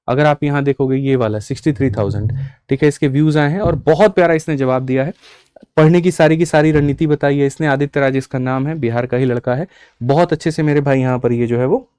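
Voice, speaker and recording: A man's voice: a little high, warm tone, clear, resonant tone, no echo, clean studio sound. A young man teaching an online maths class for exam preparation, talking emphatically and repeating himself, often calling students brother. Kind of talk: online exam-prep class with batch promotion.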